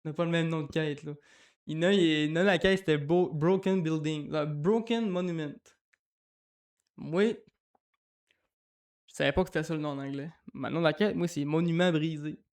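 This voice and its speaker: Quebec French man, podcast co-host, high-ish voice, lively, swears a lot. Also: moderate pace, pauses often. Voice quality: animated, swears a lot, laughs often. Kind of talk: casual chat.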